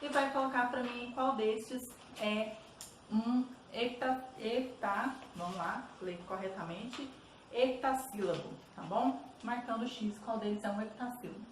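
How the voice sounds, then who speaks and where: A woman's voice: on the high side, moderate pace. A Brazilian woman teacher explains exercises to her students patiently, checking in often with little questions. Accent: Brazilian Portuguese. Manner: patient, repeats "tá bom?" checks. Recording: roomy echo, distant mic, faint noise.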